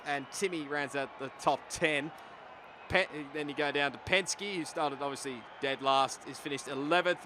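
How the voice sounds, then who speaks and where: A man's voice: on the high side, bright, forceful tone, slight background noise. A man commentating a sim racing league, reading out the final results and reacting in shock. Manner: reads results briskly, laughing in shock. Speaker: race commentator. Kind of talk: post-race esports commentary.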